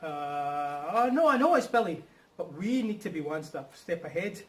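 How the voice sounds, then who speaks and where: An actor in a stage reading playing a meddling, self-justifying husband, hesitant and excitable in his speech. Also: on the high side, a little slow, close to an everyday voice. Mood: scheming, flustered. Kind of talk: rehearsed stage reading of a drama. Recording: roomy, distant mic, background noise.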